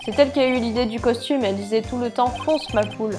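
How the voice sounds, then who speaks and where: A woman voicing a goofy young man who gushes about his new girlfriend. The read stays in a slightly high register, recorded on a lapel mic, with game music playing behind. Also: fast, close to an everyday voice. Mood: gushing. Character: goofy lovestruck young man, old friend.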